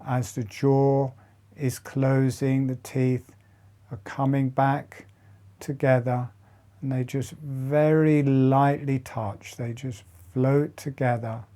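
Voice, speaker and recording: With a mellow tone and an even, understated delivery, this man leads a meditation at a slow, steady pace. His phrases come softly and haltingly, broken up by long pauses.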